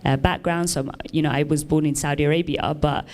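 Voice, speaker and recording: A woman from Somalia speaking on a summit panel, measured and thoughtful, with many ums. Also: deep voice, steady tone, a little mellow. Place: conference hall stage.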